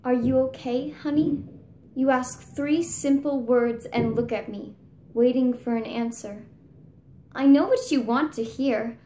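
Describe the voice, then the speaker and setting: A woman's voice: sits high, unhurried, warm tone, a little hiss or hum. A young woman performing a dramatic monologue as a grieving seventeen-year-old girl who speaks bitterly to her mother. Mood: weary. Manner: raw and bitter, rising to anguished outbursts. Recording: echoey room.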